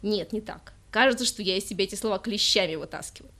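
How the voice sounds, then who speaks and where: A woman voicing a drunk, self-pitying young male poet who rants in a loud, drawn-out, whiny way. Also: medium pitch, close to an everyday voice. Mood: pompous sulking.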